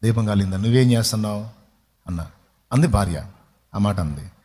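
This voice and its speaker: A man's voice: on the low side, animated, brisk, mellow, breathy edge. A man preaching a sermon, telling a story and acting out its dialogue in shifting voices while asking his listeners questions.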